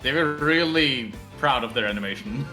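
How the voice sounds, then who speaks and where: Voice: medium pitch, normal speed. A co-streamer chatting casually and playfully during a group game stream. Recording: music behind the voice.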